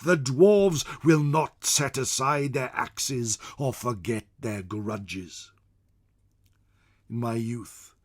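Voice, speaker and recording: A male storyteller with a medium-pitched voice plays a slow, husky, venerable old scholar and chronicler who is grave, fearful, and awed by ancient lore. His dramatic in-character fantasy narration is theatrical and solemn, swelling and then dropping to whispers.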